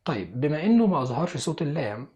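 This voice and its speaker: A man with an Egyptian Arabic accent teaching an English listening lesson, patiently explaining and repeating sentences slowly. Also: on the high side, very animated, darkish tone, lo-fi sound.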